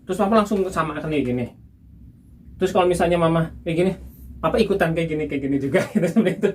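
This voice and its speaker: A man's voice: fairly high pitch, fast talker, a little mellow, slight background noise. Patient man explaining with chuckles. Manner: patient, explaining with examples and laughs. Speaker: husband teaching his wife. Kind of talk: casual instructional chat.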